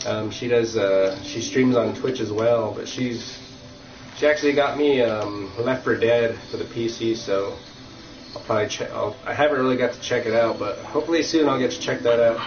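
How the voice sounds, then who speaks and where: A young man's medium-pitched voice moves at a normal speed as he casually chats on a live stream while gaming at home. He has a cold and sounds sniffly, rambling in an easygoing way with lots of fillers. The audio is dull and lo-fi, the mic distant in a roomy space.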